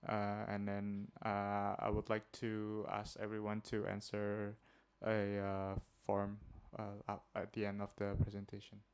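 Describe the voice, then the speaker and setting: A man's voice: lowish voice, monotone, a little slow, smooth. A man from Indonesia with an Indonesian accent, giving a friendly workshop presentation with many filler uhs. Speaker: guest presenter. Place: seminar room.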